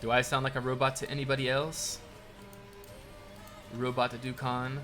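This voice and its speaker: Bright-voiced man hosting a live stream. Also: medium pitch, normal speed. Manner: thanks followers and answers viewer questions in a relaxed ramble. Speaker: livestream host building in a game. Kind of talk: casual live commentary reading chat. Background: faint game soundtrack music.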